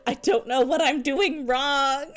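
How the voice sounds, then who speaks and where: A woman chatting casually on a live stream in a cute, girlish anime-streamer manner, giggly, expressive and playfully dramatic. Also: high-pitched, slow, soft background music. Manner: giggly, frequently breaking into laughter.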